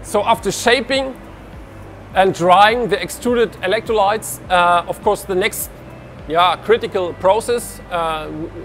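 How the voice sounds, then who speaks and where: A man's voice: high voice, unhurried, a bit bright, soft background music. Man touring a workshop. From Germany. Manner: explains with hand gestures, frequent restarts. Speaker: researcher giving a lab tour. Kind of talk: walking tour explanation. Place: large industrial hall, indoors. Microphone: lapel.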